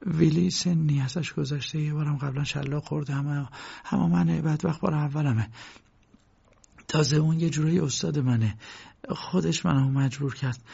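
A man's voice: fairly high pitch, steady tone, vocal fry, dark tone, husky, voice pushed up, exaggerated voice. A man voicing a desperate young male guard who begs tearfully and pities himself. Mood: pleading. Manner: begging, self-pitying. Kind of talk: audiobook character voice. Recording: muffled lo-fi recording.

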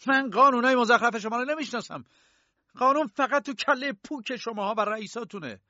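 A man voicing an indignant arrested bank clerk in his thirties, protesting in a shrill, outraged way in a storybook reading. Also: lively intonation, creaky, slightly rough, no room sound, lo-fi sound. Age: 30s.

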